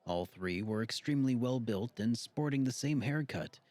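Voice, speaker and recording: A man narrating an audiobook with a steady, measured reading. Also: medium pitch, no room sound. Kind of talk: scripted narration.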